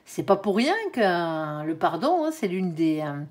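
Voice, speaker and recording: A woman's voice: fairly low pitch, sing-song, measured pace, darkish tone. A woman giving a tarot reading to viewers, chatty and reassuring, with frequent "hein" tags and the odd stumble over her words. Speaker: tarot card reader.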